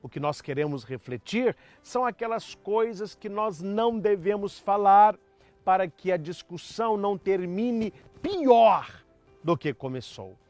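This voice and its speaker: A man's voice: high voice, expressive, measured pace, darkish tone, no room sound, soft background music. A man preaching as a priest, delivering an emphatic sermon with acted-out quotes. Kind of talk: sermon on marriage.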